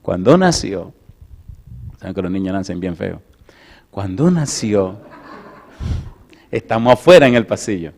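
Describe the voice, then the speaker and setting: Middle-aged male preacher, lowish voice, animated sermon storytelling with loud peaks and quiet asides. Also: unhurried, creaky, pauses often, a little hiss or hum. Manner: animated, swings from loud emphatic lines to soft storytelling.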